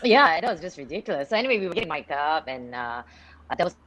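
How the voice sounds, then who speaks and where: Speaking fast with big swings in her low-sitting pitch, this Singapore-born radio presenter appears as a guest on a live video call. She's a chatty storyteller who restarts her sentences and laughs a lot, while a crowd can be heard behind her.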